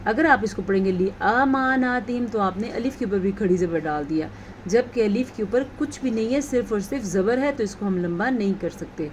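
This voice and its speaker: A woman teaching a tajweed lesson, explaining rules patiently and reciting words slowly. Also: mid-range voice, slight background noise.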